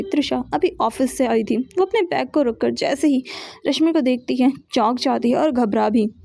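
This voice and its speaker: A woman narrating a romance audio story in a steady reading voice with small restarts. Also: high-pitched, gravelly, dry recording, clean studio sound.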